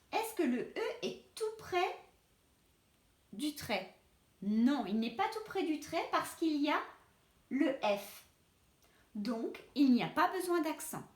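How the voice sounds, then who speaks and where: A woman's voice: high voice, roomy sound. A woman teacher giving a spelling lesson to children, patiently sounding out words syllable by syllable. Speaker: primary school teacher.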